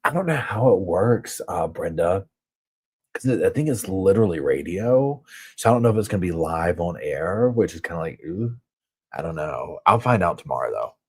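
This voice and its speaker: This man speaks at a moderate pace in a low, expressive voice with some breathiness, and he has a Southern US accent. He hosts a true crime channel and is doing a relaxed live chat from a hotel room. He rambles, chats, reads viewers' comments aloud, and fills his speech with filler words.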